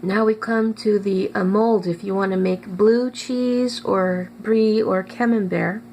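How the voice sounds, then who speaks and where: Woman cooking vlogger, chatty, halting delivery with fillers, mid-range voice, faint hum behind. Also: medium pitch, fairly even intonation, dark tone. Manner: chatty, hesitant with many fillers, tastes food while talking. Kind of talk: casual kitchen vlog.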